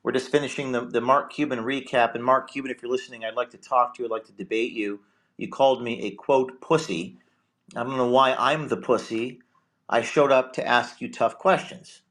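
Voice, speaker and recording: A man's voice: medium pitch, steady tone, fairly quick, a bit bright. A man hosting a casual livestream, talking conversationally and often repeating words as he restarts sentences. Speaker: livestream host.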